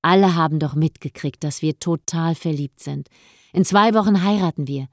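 A woman voicing an eager, adoring young man who is overjoyed to marry, speaking warmly and tenderly, in an audiobook. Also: low-pitched, normal speed, no room sound, clean studio sound. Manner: warm and tender.

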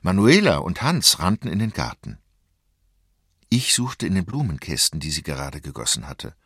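Low-voiced guy reading a story aloud, lots of melody, super dry close sound. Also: no echo. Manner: measured, expressive storytelling. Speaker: narrator. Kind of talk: literary reading.

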